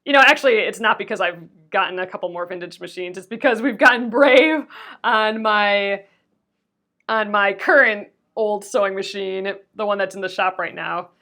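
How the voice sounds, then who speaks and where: A woman's voice: medium pitch, moderate pace, bright, forceful tone. A woman hosting a live sewing stream, chatting casually as she stitches, her voice strained and fading from a sore throat. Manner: chatty, rambling, often restarts and laughs. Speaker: crafting livestream host.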